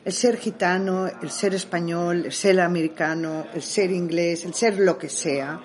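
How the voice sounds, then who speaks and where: A middle-aged woman talks through a conversational interview and tells her stories with energy. She slips into other people's voices as she retells what they said, and her pitch swings widely throughout. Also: measured pace. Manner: animated storyteller who acts out dialogue. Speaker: interview guest.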